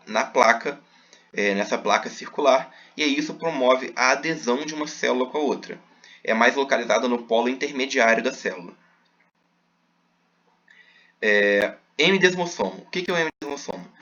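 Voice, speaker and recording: A man's voice: medium pitch, pushed and bright. Man explaining a lesson, muffled. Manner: explanatory, many fillers, checks understanding. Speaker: teacher. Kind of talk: recorded class lecture.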